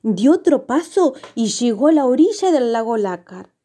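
A woman narrating a children's story on the radio in a gentle, expressive way. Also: a little high, normal speed.

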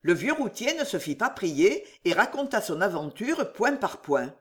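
A narrator reading a historical novel aloud in an expressive storytelling manner. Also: medium pitch, normal speed. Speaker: audiobook narrator.

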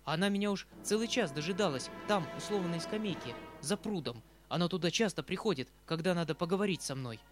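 A man reading an audiobook, voicing an agitated, kindly older country gentleman who talks loudly and urgently. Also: sits high, animated, fast talker, few pauses, faint music behind. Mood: troubled. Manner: loud, urgent, exclaiming. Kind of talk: audiobook character voice.

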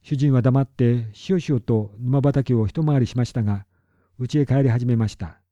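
A man calmly narrating a storybook in a measured way, on a dull lo-fi recording. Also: medium pitch, no room sound. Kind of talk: storybook reading.

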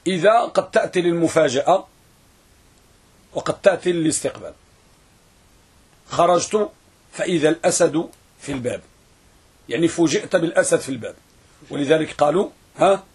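A man teaching a grammar lesson, who repeats words and draws them out slowly for students to write down. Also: a little high, expressive, slightly rough. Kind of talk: classroom lesson.

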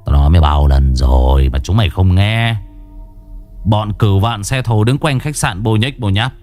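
Guy putting on a low growly drunk mob boss, cranky and bossy. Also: moderate pace, smooth, faint music behind, lightly acted. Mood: drunk irritated. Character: drunk gangster boss, older man, gruff.

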